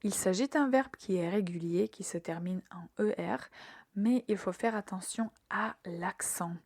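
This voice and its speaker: A woman teaching a short verb lesson, speaking patiently and carefully, repeating words slowly for learners to echo and pausing with soft fillers as she explains. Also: mid-range voice, studio quality. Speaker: French teacher hosting a verb podcast. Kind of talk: scripted language lesson.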